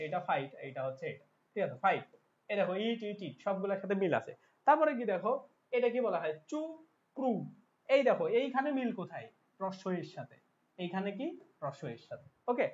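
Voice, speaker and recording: A woman with a Bangladeshi Bengali accent runs an online admission-test lesson, her pitch rising and falling a lot. She repeats key points and keeps checking in with her students. The audio is dull and lo-fi, like a streamed class. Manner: repetitive, checks in often with "okay?". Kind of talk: online exam-prep lecture.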